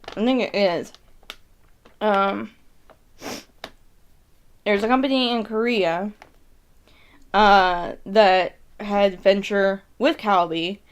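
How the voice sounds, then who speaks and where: A woman's voice: mid-range voice, slow pace, pauses often, clear, resonant tone. A woman hosting a casual snack-tasting vlog, rambling as she thinks aloud and corrects herself mid-thought. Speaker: mukbang host reviewing snacks. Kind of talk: casual vlog chat to viewers.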